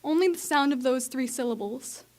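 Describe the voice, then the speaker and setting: A woman's voice: sits high, normal speed, close to an everyday voice. A young woman playing an onlooker in the crowd, telling it earnestly. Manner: earnest, shouting at times. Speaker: student actor.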